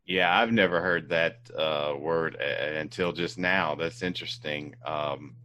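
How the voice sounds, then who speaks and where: A man's voice: rumbling low, steady tone, measured pace, pushed and bright, slight background noise. A man from Indiana hosting a casual interview, rambling with many fillers and restarts. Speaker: talk show host.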